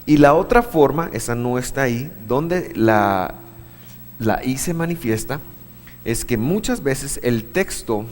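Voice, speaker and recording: A man teaching a church class, patient, asking the room questions, with many halting restarts. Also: medium pitch, lively intonation, a little mellow. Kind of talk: classroom lesson on Hebrew vowels. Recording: long hall reverb.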